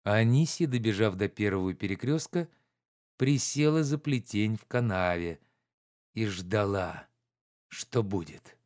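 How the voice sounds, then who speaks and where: A man narrating a classic novel in an even, measured reading. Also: on the low side. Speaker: audiobook reader.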